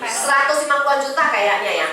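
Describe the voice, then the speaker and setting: A woman's voice: high voice, fast, sharp tone. A middle-aged woman with an Indonesian accent, giving a chatty motivational talk to an audience and often asking them questions. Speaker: insurance agency director giving a talk. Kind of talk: motivational sharing session to an audience. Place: meeting room with an audience. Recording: echoey room, voice from a distance.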